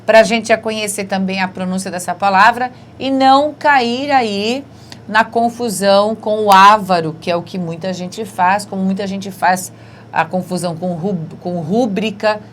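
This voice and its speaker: Brazilian woman, teacher, patient step-by-step explainer, mid pitch, faint background noise. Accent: Brazilian Portuguese. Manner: explains step by step, tags questions with né and certo. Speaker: Portuguese teacher. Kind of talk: exam prep lesson.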